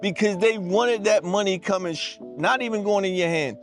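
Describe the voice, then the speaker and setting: A man's voice: sits high, moderate pace, soft background music. A man co-hosting a podcast, talking in an emphatic, preachy way with a sing-song lilt. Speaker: podcast co-host. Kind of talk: casual conversational discussion.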